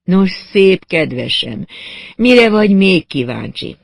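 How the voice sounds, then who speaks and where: A man reading an audiobook, voicing a cool, hard-edged seductive woman in a slow, purring, deliberate way. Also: fairly high pitch, no echo, clean studio sound, natural voice. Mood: teasing.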